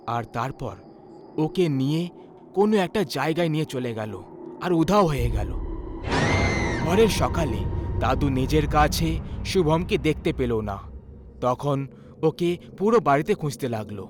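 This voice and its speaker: A man calmly narrating a horror story in a measured storytelling voice. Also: fairly high pitch.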